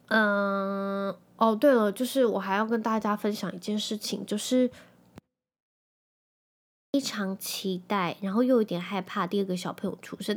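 Chatty Taiwanese Mandarin woman host. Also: mid-range voice. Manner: chatty and animated, mixing in English phrases. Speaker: podcast host. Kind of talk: casual chat.

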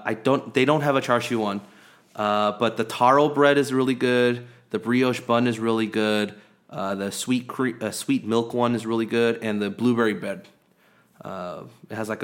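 A man's voice: lowish voice, fairly even intonation, moderate pace. A man co-hosting a sports podcast in casual chat, rambling and chatty with many fillers and restarts. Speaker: podcast co-host.

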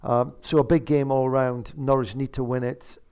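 A man's voice: mid-range voice, level tone, normal speed, a little mellow, clear, resonant tone. A man giving conversational football analysis as a pundit, hesitating and repeating words as he thinks.

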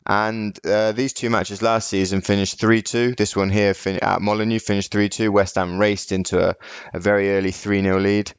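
A man's voice: fairly low pitch, level tone, moderate pace, smooth, no room sound. A man giving football betting tips on a podcast, reeling off statistics with hesitant fillers and self-corrections. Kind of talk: casual podcast analysis.

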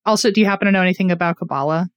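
A woman's voice: on the low side, racing, clear, resonant tone, no echo. Chatty self-deprecating woman co-host, dry sound. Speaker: podcast co-host. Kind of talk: casual storytelling chat.

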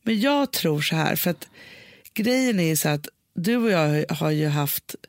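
A woman's voice: sits low, animated, dry recording, studio quality. A mother in a casual conversation, reasoning things through aloud with lots of fillers and restarts. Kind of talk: casual chat.

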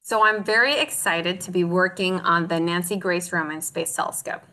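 A woman's voice: lowish voice, moderate pace, bright, forceful tone. A woman, a guest telling her story in an earnest, heartfelt way in a casual interview. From Mexico. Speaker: guest, optical engineer.

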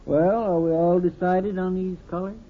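An actor playing an easygoing, agreeable house painter in a 1950s radio sitcom, slow and noncommittal. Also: male voice, high-pitched, fairly even intonation. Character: mild, easygoing middle-aged house painter. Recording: tinny old radio transcription with faint hiss.

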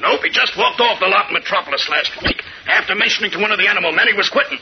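An actor playing a gruff circus manager who grumbles indignantly, on an old radio broadcast. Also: male voice, sits high, racing, highs cut off, noisy background.

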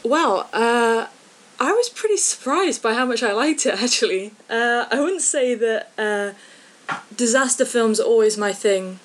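A woman from the English Midlands with an English accent, a guest chatting casually on a podcast and pausing often with fillers. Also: a little high, expressive, a little hiss or hum. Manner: hesitant, many fillers. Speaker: podcast guest, film journalist. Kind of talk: casual chat.

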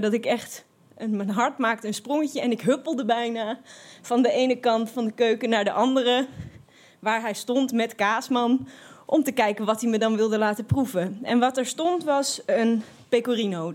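A woman telling a personal anecdote in a lively, expressive way, with frequent fillers and restarts. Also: fairly high pitch. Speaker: storyteller.

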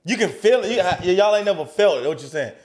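A man's voice: high voice, animated, quick pace, a little mellow. A man in a casual chat with friends, slangy and insistent, repeating himself to make his point. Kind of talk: casual group chat, joking debate.

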